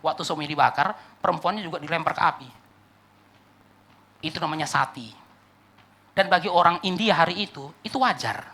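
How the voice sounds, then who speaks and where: Fast, bright-voiced male pastor preaching. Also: fairly high pitch, creaky. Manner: animated storytelling, often addressing the congregation, with acted quotes. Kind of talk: sermon. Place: church.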